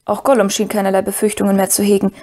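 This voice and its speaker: A woman reads a fantasy novel aloud as a storyteller. Her voice sits at a middling pitch and the narration moves steadily through the story. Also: completely flat delivery, quick pace, dark tone. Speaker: audiobook reader. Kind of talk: scripted narration.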